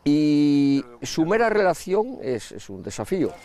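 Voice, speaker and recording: A man's voice: on the high side, big pitch swings, unhurried, a little mellow. A man from giving interview answers as a conservation expert. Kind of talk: interview talk.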